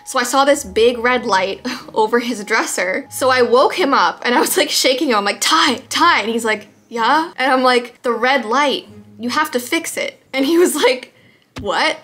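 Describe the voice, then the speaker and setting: Higher-voiced woman chatting casually. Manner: animated, acts out quoted dialogue. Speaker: vlogger telling personal stories to viewers. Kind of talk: casual chatty storytelling to camera.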